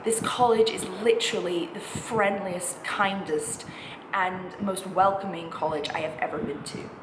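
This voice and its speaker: With a fairly low, steady, unhurried voice, this twenty-something vlogger offers chatty, informal advice in an encouraging, reassuring way. She's a postgraduate singing student at a music college, speaking to camera in an echoey room where background noise is clearly audible.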